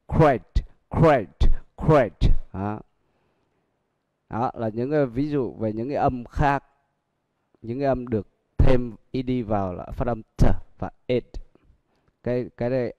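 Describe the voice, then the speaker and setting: A man's voice: medium pitch, mellow, dry recording. A male teacher with a Vietnamese accent giving a livestream pronunciation lesson. He repeats each example word several times. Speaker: English teacher.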